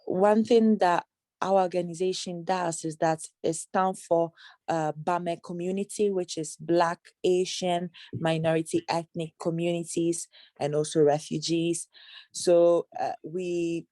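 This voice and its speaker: A Ghanaian woman who does anti-trafficking outreach answers interview questions over a video call, measured and hesitant with plenty of fillers. Her voice is fairly low, flat in delivery and warm in tone, and the recording has no room sound.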